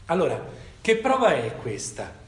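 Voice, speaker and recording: A man gives a thoughtful sermon, weaving scripture readings with rhetorical questions and small check-ins to his listeners. His voice sits a little higher than most men's and carries a roomy echo around it. He talks at an unhurried, reflective pace. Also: wildly swooping pitch, slight background noise. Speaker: preacher.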